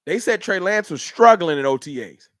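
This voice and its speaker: Clean studio audio with no echo captures a man whose voice sits high and moves at a moderate pace. He's from Dallas, Texas, and hosts a live sports fan stream. He argues with his chat, getting animated and ranting heatedly.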